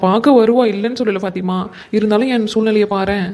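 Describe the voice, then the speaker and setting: A woman playing a rapid chatty elder sister. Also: medium pitch, dark tone, a little hiss or hum, natural voice. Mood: tearful. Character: warm-hearted young married woman, emotional elder sister. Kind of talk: animated cartoon voice acting.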